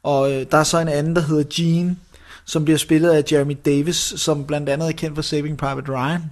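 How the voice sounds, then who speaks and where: A man's voice: a little high, level tone. A man co-hosting a casual film review show, talking enthusiastically with lots of hesitations. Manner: enthusiastic, many fillers and restarts. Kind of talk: casual chat reviewing films.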